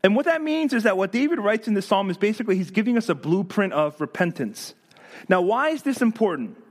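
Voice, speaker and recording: A male pastor preaching a sermon in an animated, emphatic way, acting out the voices of the people he quotes. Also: high-pitched, a little fast.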